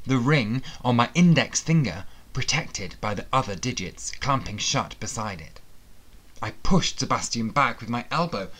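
A man with a fairly low voice reads a fantasy thriller audiobook in the first person. His delivery is steady and dramatic, built for storytelling. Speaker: audiobook narrator. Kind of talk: first-person scripted narration.

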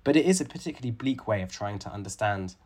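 A man in his late thirties, a biologist and author, is a guest in a conversational interview. His voice is lowish and slightly rough, with lively intonation and a quick pace, and he speaks thoughtfully with many restarts and fillers.

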